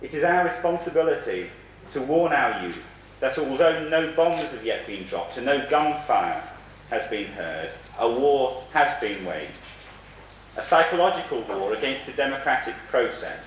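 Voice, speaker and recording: A man's voice: mid-range voice, fairly bright tone. A man chairing a panel, speaking in a formal, solemn way as he addresses the room and introduces speakers. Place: large echoey room at a conference. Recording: very echoey hall, distant mic, faint noise.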